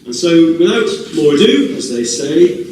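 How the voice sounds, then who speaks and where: A man's voice: on the high side, sing-song, measured pace, slight background noise. A man introducing the evening's speaker with rambling, good-humoured anecdotes in a lecture theatre. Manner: rambling, warm-humoured storyteller. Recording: echoey lecture theatre, distant mic.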